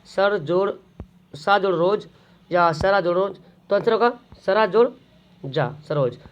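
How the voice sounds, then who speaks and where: A man's voice: high voice, a little slow, dull audio, slight background noise. A man, tutoring students through exam questions, repeating each question and then answering it himself.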